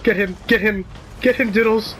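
Frantic, bright-voiced gamer yelling. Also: medium pitch, fairly even intonation, moderate pace, a little hiss or hum, low-quality recording. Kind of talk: excited gaming reaction chat with friends.

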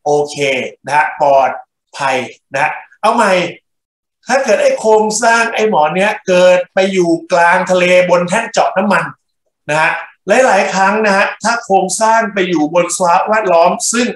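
Man, university lecturer, fairly high voice, short bursts of speech, echoey room. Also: moderate pace. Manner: talks in short bursts, checks in with students often. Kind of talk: classroom lecture working problems. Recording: echoey classroom.

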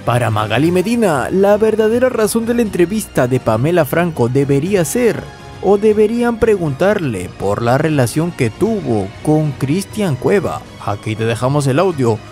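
Male narrator reading a short scripted intro in a lively, fairly high voice, faint music underneath. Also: normal speed.

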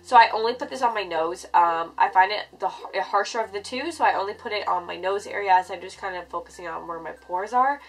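A young woman talks to camera in a casual, chatty vlog style. Her nose sounds blocked by a cold, and her voice sits at a medium pitch for a woman. She comes across as informal and a little self-deprecating. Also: a little fast, few pauses, rough recording. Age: 20s. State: congested, stuffy nose from a cold. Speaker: beauty vlogger. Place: furnished bedroom, indoors.

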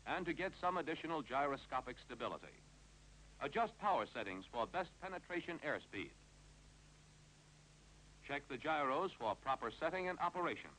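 An American man with a slightly high voice and a sharp tone reads instructional narration for a 1950s training film. His delivery is clipped and authoritative, set against a noisy, humming film soundtrack.

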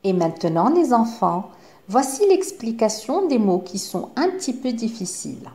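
A woman's voice: a little high, dark tone. Woman reading a story to children. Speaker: teacher.

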